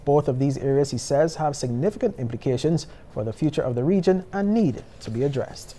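A middle-aged male news anchor with a Barbadian accent reads from a script in a TV studio. His voice is mellow and sits at an average pitch. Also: lively intonation, fairly quick, a little hiss or hum.

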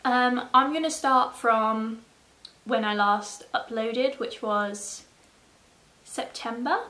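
A woman's voice: on the high side, slow, pushed and bright. A woman vlogging to her viewers in a casual, chatty way, swearing freely and laughing often. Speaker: YouTuber. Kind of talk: casual vlog chat. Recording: roomy echo.

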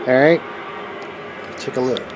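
An American hobbyist with a mid-range voice makes a video at an open garage workbench, demonstrating a radio setup in an unhurried, rambling way. He sounds tentative and informal, thinking aloud as he works, and the home camera audio carries steady ambient noise.

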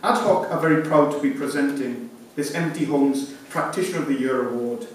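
In a conference room, a man in his thirties reads a formal award presentation speech on behalf of a sponsor, sticking to his prepared notes. His medium-pitched voice moves briskly. A distant camera catches him through the lectern mic, so the sound is echoey and hissy.

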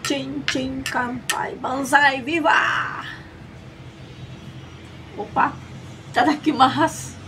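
A woman's voice: high voice, steady tone, very slow, long pauses, sharp tone. A middle-aged woman with a Brazilian accent presenting a product tasting to camera in a chirpy manner, mixing in Japanese phrases. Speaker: video channel host. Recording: noisy outdoor ambience.

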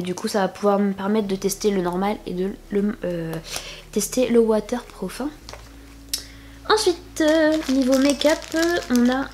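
A young woman chatting through a beauty haul at home, full of fillers and quick restarts. She talks loosely and warmly to her viewers and keeps breaking off to reveal the next item. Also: medium pitch, a little hiss or hum. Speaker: beauty vlogger. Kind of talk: casual haul video chat.

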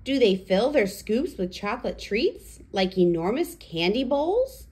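Reading picture books and teaching toddlers, this woman in her thirties uses a mid-range, darkish voice with big pitch swings, speaking a little slowly. As a children's presenter and storyteller, she keeps her language simple and exaggerated for little ones.

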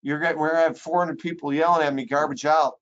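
A man's voice: fairly high pitch, steady tone, rapid-fire, a bit bright. Emphatic male webinar trainer, muffled audio. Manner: emphatic, repeats key phrases, coaching tone. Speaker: guest presenter, real estate trainer.

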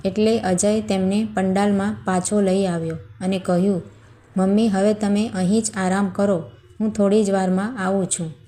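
A woman with a Gujarati accent narrating a scripted story in an even, measured way. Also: medium pitch.

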